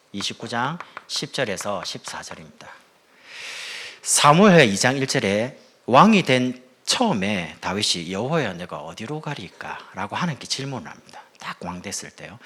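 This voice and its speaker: A man from the Gyeongsang region preaching a sermon as pastor, in a playful, lively way. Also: medium pitch, slightly rough. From Gyeongsang region, South Korea.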